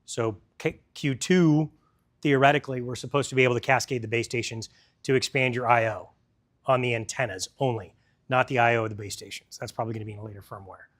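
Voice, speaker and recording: A man's voice: mid-range voice, fast talker. A man presenting a product in a store demo, talking casually and explaining technical details to a crowd.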